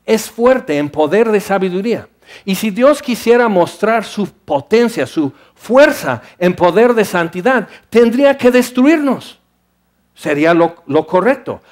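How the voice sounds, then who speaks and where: A man preaching a sermon in an animated way, acting out the voices of his listeners and moving between loud and hushed delivery. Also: sits high, a little slow.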